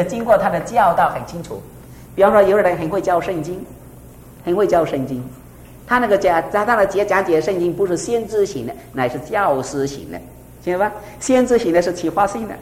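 A woman preaching a sermon in a church hall. She talks in a lively way and keeps asking her listeners questions. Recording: echoey room, faint rumble.

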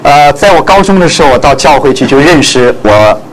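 An older man, a pastor, preaching through humorous personal stories and pausing for an interpreter. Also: on the high side, animated, a little hiss or hum, rough recording. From born in Guangdong, raised in Shanghai, later Taiwan.

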